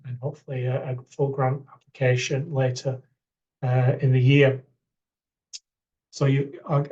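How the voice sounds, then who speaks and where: A man, an academic, presents a funding round in an online information session, talking haltingly with many fillers and repeated words. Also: medium pitch, a little mellow, highs cut off.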